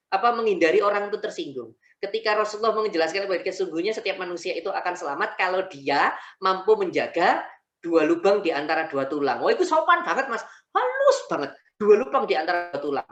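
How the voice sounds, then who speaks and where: A man's voice: sits high, fairly bright tone, roomy sound. A man with a Javanese accent giving a humorous online religious lecture from home over a video call, mixing in Javanese words as he tells stories. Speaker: preacher.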